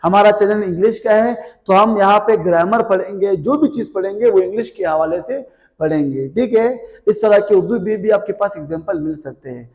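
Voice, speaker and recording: A man's voice: sits high, moderate pace, a little mellow. A man teaching English grammar in Hindi-Urdu mixed with English, asking questions and answering them himself. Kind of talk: grammar lesson. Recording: long hall reverb.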